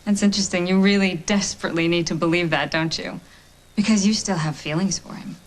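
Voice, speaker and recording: A woman's voice: lowish voice, steady tone, a little fast, slight background noise, natural voice. An actress playing a smug, taunting woman who gloats over her rival in a daytime soap opera. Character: smug taunting woman, the other woman in a love triangle. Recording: music playing underneath.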